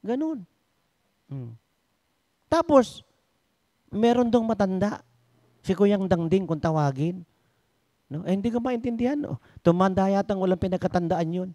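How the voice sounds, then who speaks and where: A man preaching a sermon in Tagalog-style storytelling, swinging between high exclamations and low asides. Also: lively intonation, normal speed, pauses often, mellow, no room sound. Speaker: pastor.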